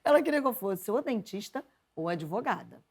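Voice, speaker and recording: A Brazilian woman, a journalist and preacher, telling stories from her upbringing in an interview, lively and quick to laugh. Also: mid-range voice, slightly rough. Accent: Brazilian Portuguese. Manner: lively, laughs often, quotes her mother in animated voices. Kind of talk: conversational interview storytelling.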